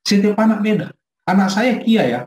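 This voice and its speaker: A middle-aged man, a pastor, teaching a parenting class in a lively way and acting out quotes from his child. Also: high voice, normal speed. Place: church hall. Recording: echoey room.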